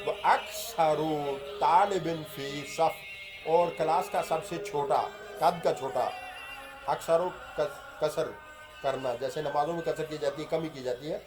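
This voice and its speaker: A man gives an Arabic grammar lesson, going through a text line by line: he reads each phrase aloud, then explains and repeats it. His voice is fairly high-pitched, and music plays in the background.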